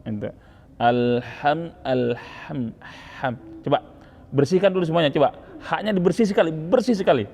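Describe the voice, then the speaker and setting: A man's voice: a little high, normal speed, gravelly, a little mellow. A man coaching students on Quran recitation, correcting their pronunciation and demonstrating sounds over and over, with a teasing edge. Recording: hall reverb, faint ambient noise.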